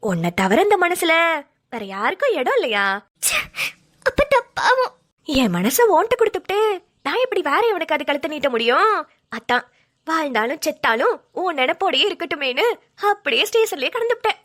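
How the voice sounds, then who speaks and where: High tearful woman voicing a cartoon. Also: big pitch swings, fairly quick, a bit bright. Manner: tearful, pleading, rural dialect. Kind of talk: melodramatic cartoon voice acting.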